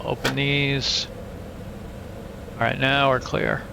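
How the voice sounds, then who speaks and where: Slow, gravelly man narrating a flight simulator. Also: medium pitch. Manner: muttering to himself in clipped phrases. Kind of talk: casual running commentary on cockpit checklist. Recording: steady aircraft hum behind voice.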